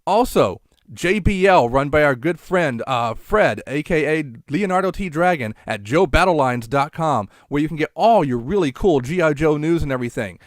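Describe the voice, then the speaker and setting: Man hosting a casual live show, slightly high voice. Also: expressive, normal speed, hardly any pauses, no room sound, clean studio sound. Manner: folksy, showman-like greetings and asides to viewers. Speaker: online show host. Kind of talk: casual live show chat with sponsor plugs.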